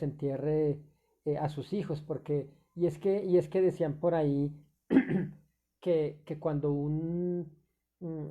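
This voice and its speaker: A man's voice: fairly high pitch, phone-quality sound. A male pastor preaching a sermon off the cuff, full of fillers, restarts and rhetorical questions.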